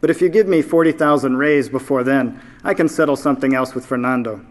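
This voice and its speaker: A man reading aloud, voicing a greedy, loud male slave trader who sneers and yells. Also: medium pitch, fast talker, close to an everyday voice. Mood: scheming. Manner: yelling, sneering.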